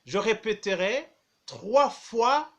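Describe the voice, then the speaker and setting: A high-voiced man dictates as a primary school teacher would, at an extremely slow pace. He repeats each phrase in small chunks and speaks the punctuation marks out loud. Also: expressive. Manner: dictating deliberately phrase by phrase, punctuation spoken aloud.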